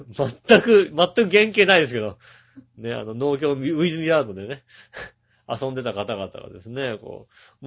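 A chatty male host spins a rambling personal story, his fairly high voice rising and falling in lively swings. The sound is dull and lo-fi. He talks casually, packing in fillers and little asides. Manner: chatty, full of filler words and asides, chuckling. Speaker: radio show host.

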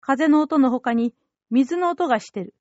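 A woman's voice: high voice, animated, moderate pace, darkish tone, dry recording, dull audio. A woman voicing a simple-minded young man in pain, speaking in a weak, whining voice.

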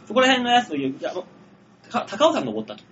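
A quick, high-pitched man with a voice that leaps all over as he spins a comic story for the radio, acting out each quote. The sound is slightly muffled and lo-fi. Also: a little hiss or hum. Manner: animated storyteller, acts out quotes, laughs often. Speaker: radio show host. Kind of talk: casual comedy radio chat.

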